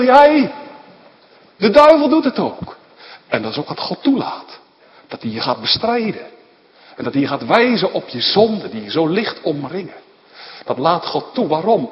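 A man preaching a sermon in speech, animated and emphatic, often asking his listeners short questions. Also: medium pitch. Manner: animated, rising to emphatic outbursts, frequent tag questions. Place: church. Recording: dull lo-fi recording in a reverberant hall with faint background noise.

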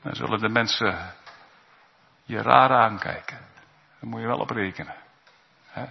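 A man preaching a sermon in speech, earnest, dropping to soft low asides and rising into raised exhortation. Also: unhurried, creaky, breathy edge. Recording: dull sound with long hall reverb.

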